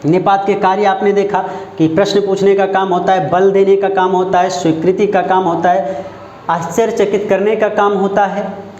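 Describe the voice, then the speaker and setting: A man with a Hindi accent from Uttar Pradesh, teaching a grammar lesson in a slow, deliberate way, repeating phrases and asking if it is clear. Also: sits high, little pitch movement, darkish tone, lo-fi sound. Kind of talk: classroom lesson. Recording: echoey room with faint background noise.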